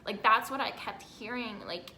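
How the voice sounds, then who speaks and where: A woman's voice: fairly high pitch, normal speed, bright, forceful tone, roomy sound, a little hiss or hum. A woman in her twenties from Texas, talking candidly and earnestly in a personal vlog, with lots of "like" fillers. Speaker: vlogger.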